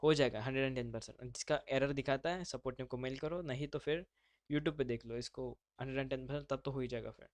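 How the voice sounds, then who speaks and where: A man teaches a live online class in a casual, brotherly way, mixing English terms into his speech. His mid-range voice comes fast, and the recording is dry.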